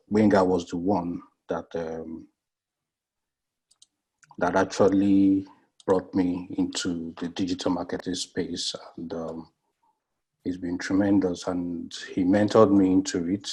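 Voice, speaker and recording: A man speaking as a guest on a video call, with a very low, husky voice. He talks haltingly and fills his pauses with many ums. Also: a little mellow.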